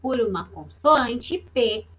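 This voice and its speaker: A woman teacher speaks in a high, bright voice, slowly and deliberately, to a class of young children in a recorded online lesson. She repeats words patiently and keeps checking that the children follow. The sound is muffled and lo-fi, like a simple home computer mic. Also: lively intonation. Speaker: primary school teacher.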